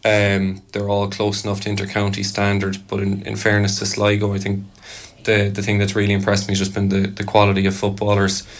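Young male Irish athlete, soft neutral accent, deep monotone, hesitant and measured in interview. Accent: soft, fairly neutral Irish. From Kerry, Ireland. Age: young adult. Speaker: Gaelic football player being interviewed. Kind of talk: casual interview answers.

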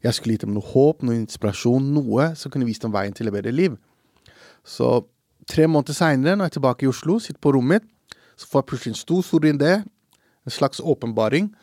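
A man's voice: medium pitch, a little mellow, no room sound, clean studio sound. Earnest young man telling a story. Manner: earnest, reflective, with frequent hesitations. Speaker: comic creator and interview guest. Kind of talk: storytelling in an interview.

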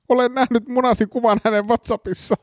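A man voicing a jittery, whiny male suspect in a comic script read-through, shrill and melodramatic. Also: little pitch movement, no room sound, studio quality. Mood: frantic.

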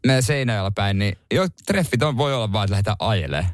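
A man co-hosting a morning radio show, bantering in a lively, jokey way into a studio microphone. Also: lowish voice, no echo. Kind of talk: casual radio chat.

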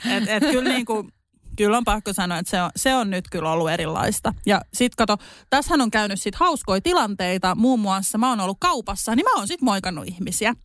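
A young woman co-hosts a casual podcast and tells animated stories, putting on short voices for the people she quotes. She sits close to the mic in a dry, deadened room. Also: medium pitch, no echo. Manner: lively storyteller acting out quotes. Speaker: podcast co-host. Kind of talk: casual chat.

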